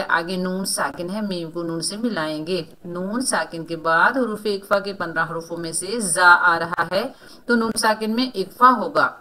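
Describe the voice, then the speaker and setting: A woman teaching Quran recitation rules, explaining each sound and then reciting words slowly. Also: lowish voice, sharp tone. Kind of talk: tajweed lesson, explaining and reciting.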